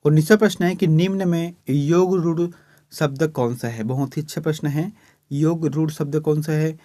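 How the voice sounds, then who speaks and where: In this exam-prep lesson, a man from Chhattisgarh, India, teaches exam questions one step at a time and keeps repeating "ठीक है" ("okay") to check in. He sounds a little high and mellow, with fairly even intonation and a normal pace. The studio sound is clean, with no room sound.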